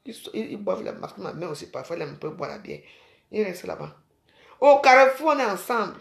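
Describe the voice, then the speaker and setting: A woman's voice: medium pitch, big pitch swings, fast, vocal fry, reverberant. A woman from Cameroon, rambling casually to her viewers and calling them sisters. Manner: chatty, addresses viewers as sisters. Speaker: vlogger.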